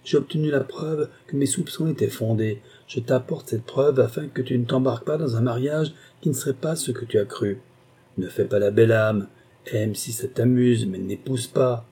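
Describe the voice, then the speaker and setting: A man's voice: mid-range voice, normal speed, warm tone, breathy edge. A man reading an audiobook, voicing a voluble, scornful older uncle who scoffs at his nephew. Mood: scornful, pushy. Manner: voluble, mocking.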